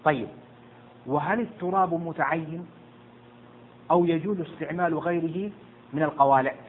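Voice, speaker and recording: A man teaching jurisprudence to a class, quizzing and hushing students, often stumbling and repeating words. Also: on the high side. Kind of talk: interactive classroom lesson. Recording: tinny lo-fi with faint noise.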